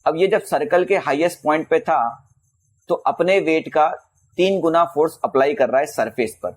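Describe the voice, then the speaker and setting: This physics teacher is male, with a voice a little on the high side, solving exam questions in an informal Hindi lesson. He uses bhaiya and beta for his students and reads the English questions at a slow pace.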